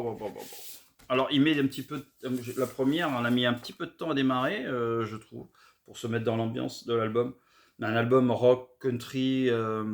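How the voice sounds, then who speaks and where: A middle-aged man from France chatting casually and hesitantly, with many fillers, about records he found. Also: medium pitch. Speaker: record collector vlogger. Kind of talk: casual haul video chat.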